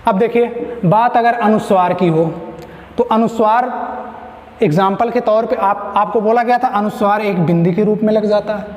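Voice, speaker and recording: High-voiced man teaching in an echoey room. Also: normal speed, a little mellow. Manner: explains step by step, checks with repeated "ठीक है"; asks the class questions and answers them himself. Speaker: Hindi grammar teacher. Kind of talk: online exam-prep lecture. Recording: echoey room with long reverb.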